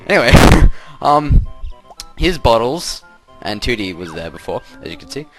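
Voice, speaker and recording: A man's voice: mid-range voice, big pitch swings, moderate pace, a bit bright, faint music behind. A young man doing casual, rambling let's play commentary, often cutting himself off. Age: young adult. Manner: rambling, self-interrupting, chuckly.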